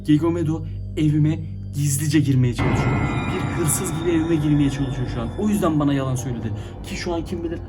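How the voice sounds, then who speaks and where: High-pitched excitable man vlogging fast. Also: over loud music. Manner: breathless and dramatic, often dropping to hushed whispers. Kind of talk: excited vlog narration.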